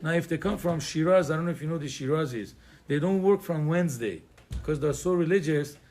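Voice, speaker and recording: Male rabbi from Iran, informal class delivery, digressive and wry, slightly raised pitch. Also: brisk, a little mellow, a little hiss or hum. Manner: conversational, digressive, joking asides, frequent fillers. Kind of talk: informal Torah class to a live audience.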